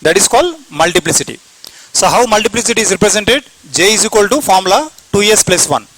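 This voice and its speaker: A man's voice: high-pitched, animated, fast talker, fairly bright tone, low-quality recording. A man with an Indian English accent teaching a chemistry class, repeating points and asking and answering his own questions. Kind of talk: classroom lecture.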